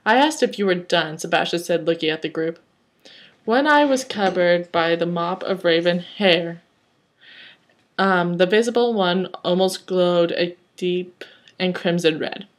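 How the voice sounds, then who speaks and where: A woman's voice: on the low side, measured pace. Woman reading fanfic aloud, casual and rambling, wry asides between passages. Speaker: reader.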